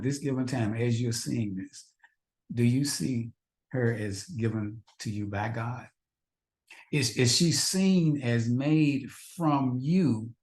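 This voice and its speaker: A man's voice: mid-range voice, darkish tone. Earnest man teaching a marriage class. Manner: earnest, repetitive, rhetorical questions. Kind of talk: faith-based marriage teaching. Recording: echoey room.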